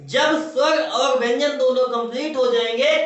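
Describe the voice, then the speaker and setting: A man with a very high voice lectures like a schoolteacher, repeating each term and quizzing his class before giving the answer. He sounds far from the mic in a strongly echoing room, and the recording is muffled. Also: steady tone, normal speed. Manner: repeats key terms and asks the class rhetorical questions. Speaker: teacher. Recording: echoey distant room, muffled.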